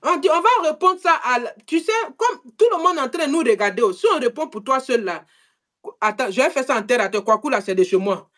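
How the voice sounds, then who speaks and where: A woman hosting a live stream, talking in an animated way, repeating herself and turning to speak to viewers directly. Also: high-pitched, fairly quick. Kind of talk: casual live-stream chat.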